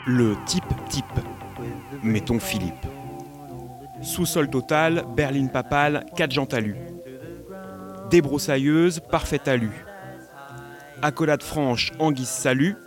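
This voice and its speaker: A man's voice: mid-range voice, slow, long pauses, music in the background. A man reciting rhythmic spoken-word poetry in clipped, short bursts of wordplay.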